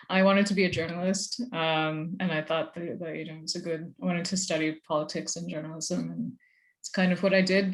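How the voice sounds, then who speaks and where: A young American woman speaks as a guest on an interview podcast, her voice a little low for a woman. She talks conversationally and thoughtfully, often using like and you know as she works through her answers. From United States. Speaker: journalist guest. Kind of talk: casual interview.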